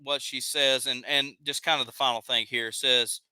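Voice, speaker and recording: A man's voice: medium pitch, fairly even intonation, moderate pace, sharp tone, clean tone, dry recording. A man with a Southern accent hosting a live stream, ranting heatedly and reading chat comments aloud. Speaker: live show host.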